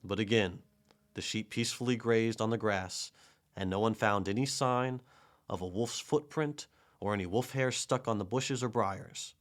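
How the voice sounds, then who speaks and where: A man narrating a children's storybook in a gentle, measured way. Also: lowish voice. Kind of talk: storybook reading.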